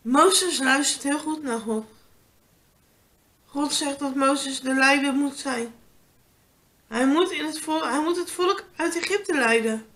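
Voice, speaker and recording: A woman reads a children's Bible story aloud at a slow, careful pace. Her voice sits high and sounds bright. She stumbles over words now and then and starts the phrase again. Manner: slow reading with stumbles and restarts. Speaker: vlogger reading a Bible story.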